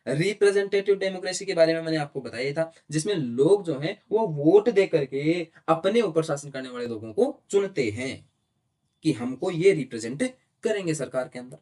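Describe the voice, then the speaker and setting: A man's voice: on the high side, lively intonation, moderate pace, dark tone. A male teacher giving a lecture and explaining terms step by step, who often asks rhetorical questions and checks with "right?". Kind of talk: classroom lecture in Hindi mixed with English terms.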